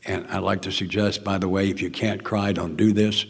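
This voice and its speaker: A man's voice: sits low, level tone, moderate pace, gravelly, slightly rough, long reverb tail. An older man with a Southern American accent, telling his story in an earnest, plainspoken way at a recovery meeting, sometimes dropping to a near whisper. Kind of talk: personal talk at a recovery meeting.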